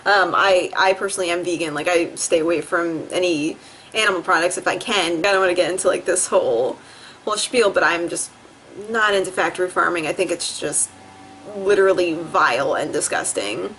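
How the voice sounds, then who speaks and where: A woman's voice: fairly low pitch, fairly quick, fairly bright tone, a little hiss or hum. Profane, rambling young woman from New Jersey. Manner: profane, scattered, laughs often, mimics herself in quotes. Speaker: vlogger. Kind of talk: rambling personal vlog monologue. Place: indoors at home. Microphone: camera facing the speaker.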